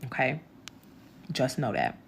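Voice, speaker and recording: A woman's voice: a bass voice, very animated, slow, creaky, a little hiss or hum. A woman with a Baltimore accent hosts a casual ask-me-anything vlog. She talks in a blunt, profane, streetwise way, laughs easily and keeps checking in with "okay?" as she goes. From Baltimore, West Side. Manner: chatty, loops back with "okay?" and "you know what I'm saying". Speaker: host answering viewer questions.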